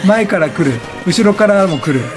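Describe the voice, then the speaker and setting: Over video game music, a high-pitched gaming streamer delivers an excitable let's-play commentary, reading game text aloud. Animated and at a moderate pace, he chats and reacts, his pitch swinging widely as he fires off repeated exclamations.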